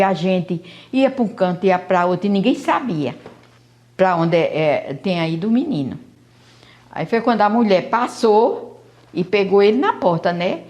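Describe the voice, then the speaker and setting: An older woman from Alagoas with a Northeastern Brazilian accent, telling a family story in an interview with lively quoted dialogue. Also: mid-range voice. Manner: lively retelling, acts out quoted dialogue, frequent restarts. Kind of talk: oral history storytelling.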